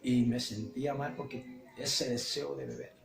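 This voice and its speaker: A man's voice: medium pitch, fairly even intonation, moderate pace, vocal fry. A man with a Colombian accent giving an earnest religious testimony, repeating phrases as he recounts. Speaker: testimony speaker. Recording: echoey room with background music.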